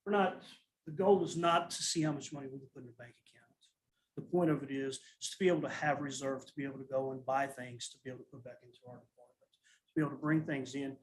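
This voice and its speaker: A man's voice: mid-range voice, quick pace, poor audio. Man giving a matter-of-fact budget report. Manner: steady, matter-of-fact, with frequent restarts. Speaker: school child nutrition director. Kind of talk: presenting a financial report at a school board meeting. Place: school board meeting room.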